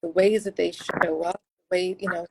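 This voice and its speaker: Woman guest talking about her research, earnest, kinda halting, gravelly fry in her voice. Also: fairly low pitch, steady tone, background noise. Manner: earnest, thoughtful, with halting restarts. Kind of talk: casual interview talk.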